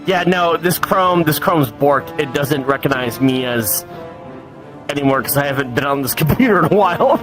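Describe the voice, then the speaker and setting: A man on voice chat during a game stream, excitable and quick to swear and laugh. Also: on the high side, over music, rough recording. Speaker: friend on voice chat. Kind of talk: casual gaming chat. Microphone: online voice chat.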